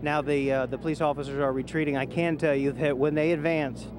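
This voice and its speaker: A man's voice: a little high, flat delivery, brisk. A man field reporter speaking live from a street, hesitant with many fillers. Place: outdoors on a busy street. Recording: crowd noise around.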